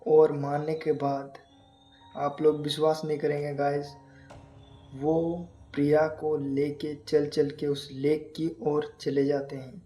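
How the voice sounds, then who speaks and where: Slow, flat-voiced man telling horror. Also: a little high. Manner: addresses listeners directly, even and unhurried. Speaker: horror storyteller. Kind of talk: casual spoken horror storytelling. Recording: echoey room with faint music.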